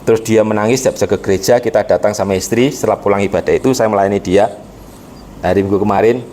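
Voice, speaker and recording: A man preaching a sermon, calling out to the congregation and swinging between quiet storytelling and impassioned exhortation. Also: fairly low pitch, fairly even intonation, quick pace, slight background noise. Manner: addresses the congregation directly. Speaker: pastor.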